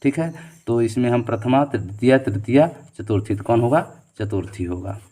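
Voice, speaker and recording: A man's voice: mid-range voice, lively intonation, normal speed, warm tone. Man drilling students through quiz questions. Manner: reads each question and its options, then reasons aloud to the answer; repeats key answers as a question-and-answer drill. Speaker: teacher. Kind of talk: exam-prep quiz lesson.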